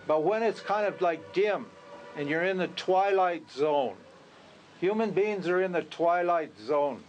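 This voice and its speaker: A man's voice: high voice, animated, a little slow, dull audio, a little hiss or hum. A man, a spiritual teacher, giving an informal talk to a group, conversational and full of rhetorical questions. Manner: conversational, rhetorical questions, laughs at his own lines.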